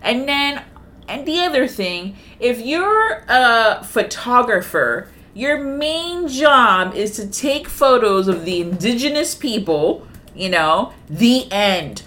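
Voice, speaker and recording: A woman's voice: on the high side, sing-song, slow, sharp tone. A woman co-hosting a casual podcast, talking bluntly and emphatically with plenty of swearing. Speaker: podcast co-host. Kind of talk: casual movie chat.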